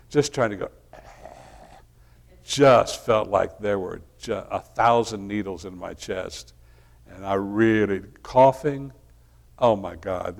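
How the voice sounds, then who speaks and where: Male minister, middle-aged, lower register; easygoing storytelling sermon with loose restarts. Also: gravelly. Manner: relaxed, folksy storytelling with frequent restarts.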